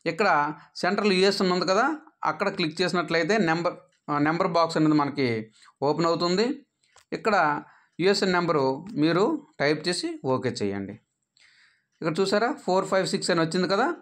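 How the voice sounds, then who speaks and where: A man gives a patient, step-by-step tutorial on an app, pausing on "aa" fillers and dropping his voice at the end of each sentence. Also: fairly bright tone. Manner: patient, instructive, with frequent "aa" fillers; drops pitch at sentence ends. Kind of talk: step-by-step screen tutorial narration.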